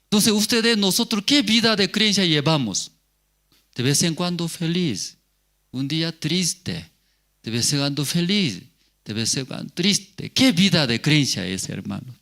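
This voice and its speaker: Male pastor, sermon delivery; slow, repetitive, questioning, slightly high voice. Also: animated, fairly bright tone. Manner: slow, questioning, repeats key words. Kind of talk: sermon with rhetorical questions to the congregation.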